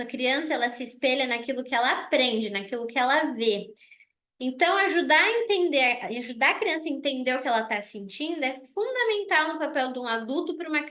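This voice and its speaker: A woman dentist giving a casual online presentation, explaining warmly and rephrasing her points, on a computer mic. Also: high voice. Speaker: dentist presenting a wellness oil kit for children.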